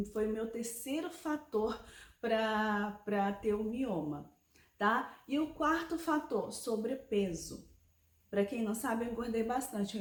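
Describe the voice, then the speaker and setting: A woman in her forties explaining a health topic in a conversational personal vlog, often checking in with the viewer. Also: fairly high pitch. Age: 40s. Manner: conversational, explanatory, with frequent tag questions. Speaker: vlogger. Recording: echoey room.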